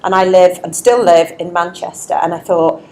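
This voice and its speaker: In a rough recording from an indoor networking event, a woman from Leeds, England, a chief executive, shares her career story chattily and self-deprecatingly in an on-stage interview over a wireless mic. Her darkish, lowish voice keeps fairly even intonation at a moderate pace.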